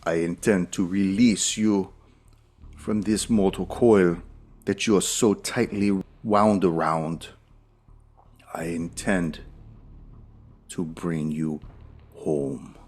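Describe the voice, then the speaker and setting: Man playing a low, solemn, menacing cult zealot. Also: steady tone, a little mellow. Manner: slow, solemn, archaic pronouncements. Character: menacing cult zealot with eye patch, solemn, preaching release.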